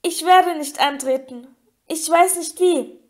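A woman's voice: very high voice, slow pace, darkish tone, pitched above the performer's own voice. A woman voicing an anxious teenage wizard boy who talks desperately and breathlessly. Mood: bewildered.

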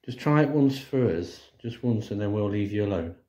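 A paranormal investigator from England, voice fairly low, warm and expressive at a moderate pace, calls firmly to spirits at a haunted church and then plainly muses on the building. He films on a handheld phone in the churchyard and inside the porch. There's no room sound and the highs are cut off.

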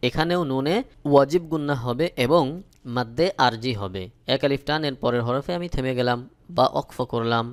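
A Bangladeshi man teaches Quran reading, spelling out letters and reciting verses in a slow, drawn-out melodic chant between plain explanations. His voice is medium-pitched, clear and resonant.

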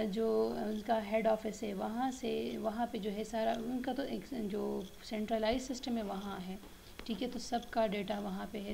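Woman, gravelly voice, slide lecture, slow English reading then mixed-language explanation, faint background hiss. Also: on the high side, a little mellow, low-quality recording.

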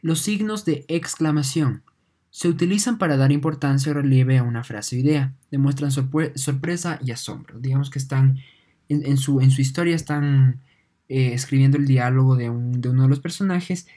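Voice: medium pitch, normal speed, warm tone. A teacher gives an online lesson, explaining patiently, often ending points with a questioning "no?" and repeating words while thinking.

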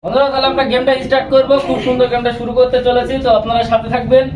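A woman's voice: sits high, level tone, very fast, echoey room, far from the mic, dull audio. A woman hosting a children's prize game, eagerly cheering the players on and prompting them again and again. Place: outdoors in a village crowd.

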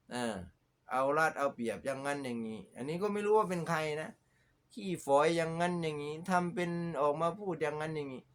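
A man rants into the mic as an online commentator, voice sitting at an ordinary middle pitch. He scolds and mocks freely, peppering his talk with profanity and tag words. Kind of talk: ranting social media commentary.

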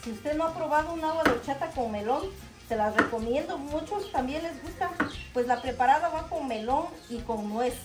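A middle-aged woman with a high-pitched voice talks viewers through her cooking step by step. She is casual and homely, speaking in an outdoor kitchen with music behind her. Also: expressive, moderate pace. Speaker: host of a home cooking video. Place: outdoor covered backyard kitchen.

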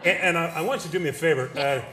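A middle-aged man presenting a variety show from the stage in a booming, emphatic announcing manner. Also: racing. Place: theater stage at a desk, before an audience. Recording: live stage, faint audience and room noise.

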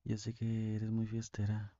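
In an ASMR role-play, a young performer with a Mexican accent plays a tender, lovesick boyfriend on a call, speaking intimately with pauses and a sense of longing. His lowish voice is monotone and mellow, lightly acted. The recording is dry, with the highs cut off.

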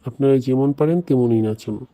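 A woman's voice: extremely low pitch, normal speed, warm tone. A woman voicing a stern, bossy male examiner who gives curt commands in a storybook dub.

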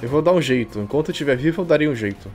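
A Brazilian man streams himself reading a visual novel aloud, tossing in irreverent, slangy commentary. His voice is fairly high, animated and very fast, with game music playing behind it.

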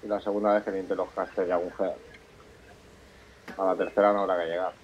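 A man's voice: sits low, little pitch movement, fast, dull audio, a little hiss or hum. A man with a Castilian Spanish accent leading a game raid over voice chat with terse, directive callouts. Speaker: raid leader.

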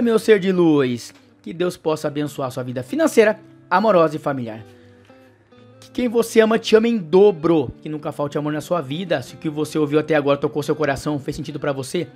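In a darkish tone, a man with a Brazilian Portuguese accent presents the daily horoscope on his astrology channel and advertises his services. He keeps it upbeat and affectionate, speaking right to the listener.

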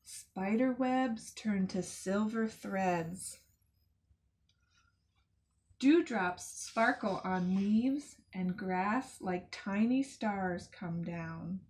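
A woman voicing a gentle mother owl in a children's picture-book read-aloud, with a slow, soft, lulling delivery. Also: mid-range voice. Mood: soothing.

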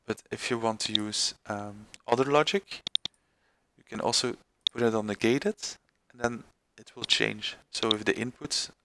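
A man presenting a screen-recorded software tutorial, halting with many fillers and restarts. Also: on the low side, steady tone, background noise.

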